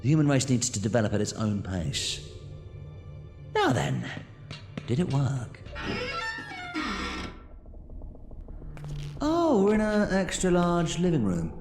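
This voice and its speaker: A man playing an eccentric, commanding time-travelling alien adventurer in an audio drama, with a theatrical, excitable delivery. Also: mid-range voice, measured pace, music in the background. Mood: brisk, curious.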